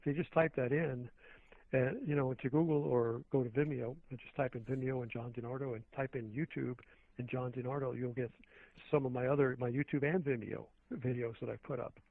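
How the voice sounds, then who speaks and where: A man's voice: mid-range voice, fairly even intonation, fairly quick, vocal fry. A man calling in as a radio show guest, rambling on and on with plenty of fillers and restarts. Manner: meandering, with many fillers and restarts. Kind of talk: rambling phone-in conversation. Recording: tinny phone line.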